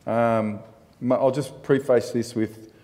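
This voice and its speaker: A man's voice: mid-range voice, steady tone, slow pace, mellow. Rambling man telling a story in a reverberant hall. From Italy. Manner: rambling and self-mocking, laughs and acts out voices. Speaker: discussion group participant. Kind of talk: candid storytelling in a group discussion.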